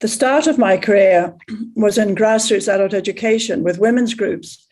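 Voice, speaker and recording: A woman from Ireland, a facilitator speaking in a steady, deliberate way. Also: mid-range voice. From Northern Ireland. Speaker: Gestalt practitioner and facilitator. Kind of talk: prepared video message.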